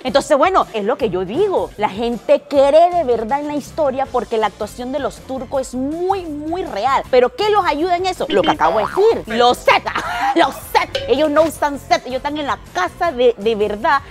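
Picture a Panamanian woman hosting a light TV segment, her high voice leaping up and down as she jokes and does playful impressions. Music plays behind her the whole time. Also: moderate pace, hardly any pauses. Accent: Panamanian Spanish. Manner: animated, joking, breaks into mock impressions. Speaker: TV show host. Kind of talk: comic chat to camera about soap operas.

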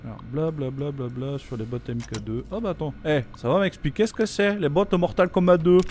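A man's voice: a little high, brisk, darkish tone, slight background noise. A man giving casual let's-play commentary, joking, swearing and reading game text aloud. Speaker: gameplay commentator. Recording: faint game music behind.

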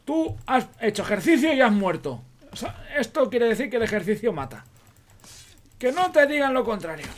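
High, lively Spanish man role-playing in a game. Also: moderate pace. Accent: Spain Spanish. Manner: jokey, swears a lot, talks to himself and coos at animals. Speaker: roleplay streamer. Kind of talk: in-character game role-play commentary.

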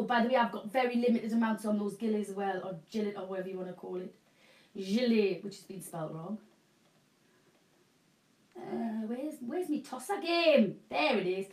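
A middle-aged woman with a Northern English accent and a cold, hosting live home shopping in rambling, jokey, chatty patter. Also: on the high side. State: snotty with a cold, coughing. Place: small indoor room. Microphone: camera mic at a short distance, no proper mic.

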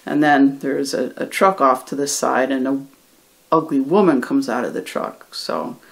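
A teacher retelling a chapter of a novel for English learners in a relaxed, conversational way. The delivery is loose, with frequent restarts, and the characters' lines are acted out. The voice sits at an ordinary middle pitch. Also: a little slow, gravelly. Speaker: ESL reading teacher. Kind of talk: casual retelling of a book chapter.

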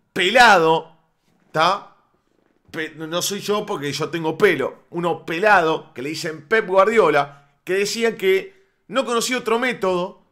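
A man's voice: high-pitched, pushed and bright. A Uruguayan man hosting a fan channel, riffing on football in a sarcastic, rambling monologue with stammered restarts. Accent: Uruguayan Spanish. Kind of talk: casual football commentary monologue.

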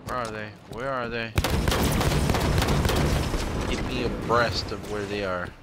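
A man's voice: lowish voice, steady tone, takes it slowly, very noisy. A man joking around wryly in casual chat while gaming with friends. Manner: wry, joking. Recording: loud game gunfire behind.

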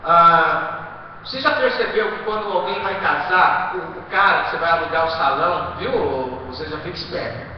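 A man preaching a sermon to his congregation, asking rhetorical questions and swinging between quiet asides and loud exhortation. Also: a little high, normal speed, a little hiss or hum. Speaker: pastor. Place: church hall. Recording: echoey hall, distant muffled live stream.

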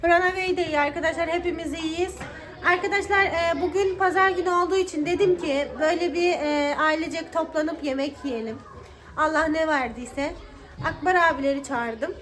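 High-voiced young woman vlogging at home. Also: steady tone, normal speed, a bit bright. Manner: chatty, addresses viewers as friends. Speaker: vlogger and mother. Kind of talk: casual home vlog narration. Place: family home. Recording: noisy home recording.

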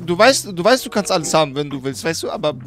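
A man's voice: fairly high pitch, very animated, fast, fairly bright tone. A young man acting out a comedic game role-play in exaggerated, mock broken German, often pleading. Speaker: skit creator.

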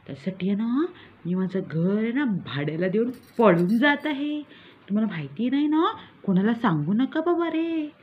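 A woman's voice: a little high, a little hiss or hum. A woman playing a smug, scheming village mother who brags and mocks in a comic sketch. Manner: smug, mocking, gleeful bragging. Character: boastful scheming village mother, con artist. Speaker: comic character monologue. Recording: tinny phone-like recording.

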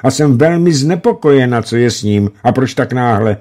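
A man voicing an anxious young woman on the telephone in a read-aloud story, his voice pushed high and pleading. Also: big pitch swings, darkish tone.

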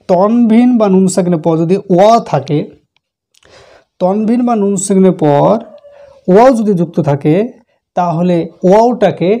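Man, recitation teacher, warm mellow voice, patient, step-by-step explanations, repeats sounds slowly. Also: high-pitched.

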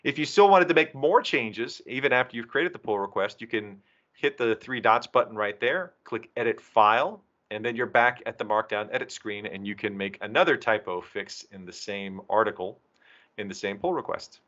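Over an online video meeting, a presenter from a software documentation team walks through slides in a conversational, explanatory way with emphatic phrasing. His voice is lowish and a bit bright at a moderate pace, and the call audio sounds dull and compressed.

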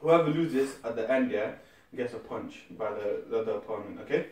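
A young British man with an average-pitched voice, trading casual, slangy banter. He is heard from a distance in an echoey room with chatter around him. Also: fairly quick, a little mellow. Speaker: challenge contestant. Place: small living room, indoors. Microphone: distant camera microphone.

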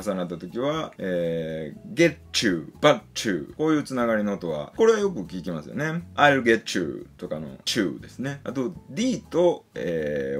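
Man, pronunciation teacher, casual explaining, slow demo words, very animated intonation, quiet guitar behind. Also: fairly low pitch. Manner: explains patiently, sounding out example syllables and words slowly. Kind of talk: casual spoken lesson.

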